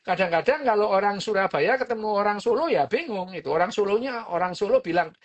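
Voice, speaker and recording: A woman's voice: mid-range voice, expressive, fairly quick, dull audio. A woman, hosting a podcast and explaining a book in a casual, chatty way, full of fillers and little jokes.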